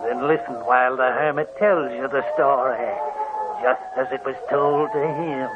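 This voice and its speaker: An actor playing an eerie old hermit who cackles and tells horror tales, in 1940s radio horror style. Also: male voice, mid-range voice, fairly even intonation, close to an everyday voice. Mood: sinister. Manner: cackling, drawn-out sinister delivery. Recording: dull noisy old radio recording.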